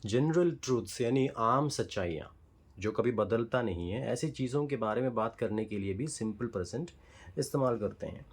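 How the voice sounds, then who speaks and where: A man's voice: medium pitch, animated, breathy edge, low-quality recording. A man teaching English grammar, explaining in Hindi and spelling out English example sentences word by word, patient and careful. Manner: slow and deliberate, spelling out example sentences word by word with pauses and fillers; patient, explanatory, checks understanding with the listener.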